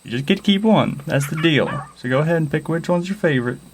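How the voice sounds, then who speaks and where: A man's voice: on the high side, animated, fast talker, a little hiss or hum, voice pushed up, close to an everyday voice. A man voicing a cruel, cool woman captor who talks in a mocking, sing-song way. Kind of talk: storybook narration.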